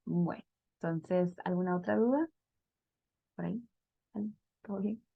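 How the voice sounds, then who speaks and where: Lady teacher on a video call, low gravelly voice, dry muffled sound, patient step by step. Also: measured pace, no room sound. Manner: patient, explains step by step and checks on students. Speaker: English teacher. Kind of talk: online pronunciation class.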